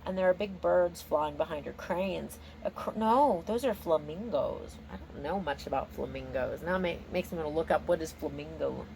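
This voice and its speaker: A woman's voice: deep voice, normal speed, gravelly, hardly any pauses, darkish tone, slight background noise, poor audio. A woman giving a casual, improvised tarot reading in an informal, exclamatory, slangy way. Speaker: tarot reader.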